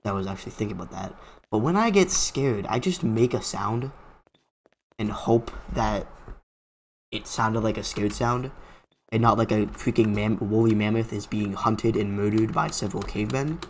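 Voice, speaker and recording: A man's voice: fairly low pitch, normal speed, slight background noise. A young man giving rambling let's-play commentary from a home gaming setup, yelping and gasping when startled. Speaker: gaming YouTuber.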